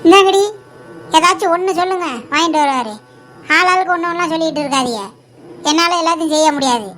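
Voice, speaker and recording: A woman's voice: very high-pitched, fast, fairly bright tone, a little hiss or hum. A woman voicing a firm, loving cartoon mother. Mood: exasperated. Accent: Tirunelveli Tamil. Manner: firm, scolding, then affectionate. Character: scolding but loving mother. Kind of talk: homemade cartoon dubbing.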